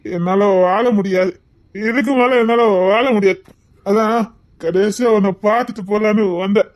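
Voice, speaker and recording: A woman's voice: medium pitch, steady tone, normal speed, close to an everyday voice. Woman playing heartbroken drunk young man, Tirunelveli accent, faltering, stammering, pleading. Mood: despairing. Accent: Tirunelveli Tamil. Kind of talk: amateur dramatic dialogue.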